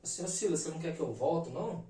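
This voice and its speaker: A Brazilian man in his thirties speaks in a fairly high voice, telling a story in an animated, emphatic casual way, dropping slang fillers between phrases. He sits a little back from the mic, and the room adds a clear echo. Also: racing. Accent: Brazilian Portuguese. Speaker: podcast guest. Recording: roomy echo, mic at a distance.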